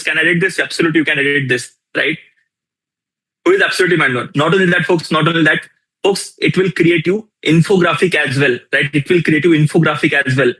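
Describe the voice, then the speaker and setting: A young Indian man teaches a live online workshop demonstrating a tool, full of energy, repeating key lines and often asking the audience questions. His Indian English voice is slightly high and husky with a bright, forceful tone, though the recording is rough.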